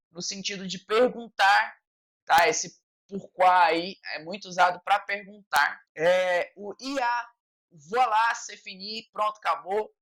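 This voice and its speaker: A woman's voice: medium pitch, fairly bright tone, rough recording. A Brazilian woman leads an online French lesson. She talks in a patient, explaining way and keeps checking in with a short "tá?" after each point. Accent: Brazilian Portuguese. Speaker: French teacher.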